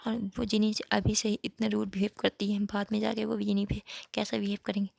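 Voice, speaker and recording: A woman casually retelling a fan fiction story, halting with many restarts. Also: mid-range voice, vocal fry, a little mellow, no room sound.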